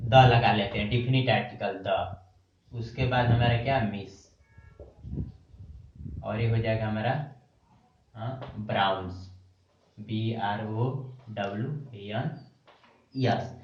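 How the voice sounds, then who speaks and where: A man teaching English grammar in a lecture video. He spells words out letter by letter and keeps checking in with a repeated "okay". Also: medium pitch. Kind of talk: classroom-style video lecture. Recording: echoey room, distant mic, dull lo-fi sound.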